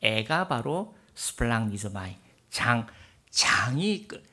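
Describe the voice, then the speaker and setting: A male pastor preaching a sermon, dropping to hushed near-whispers and then rising into emphatic bursts. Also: mid-range voice, big pitch swings, takes it slowly.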